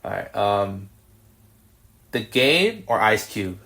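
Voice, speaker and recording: A man hosting a podcast, firing off quick this-or-that questions with brief, low-key acknowledgements. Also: sing-song, vocal fry, bright, forceful tone. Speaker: podcast host. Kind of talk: casual rapid-fire this-or-that interview.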